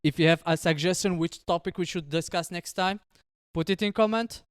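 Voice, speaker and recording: A man with a voice co-hosts a podcast, wry and offhand. His voice sits a little high and sounds clean and dry. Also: moderate pace, clear, resonant tone, no room sound. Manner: wry, plugs the show. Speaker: podcast co-host. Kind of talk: casual podcast chat.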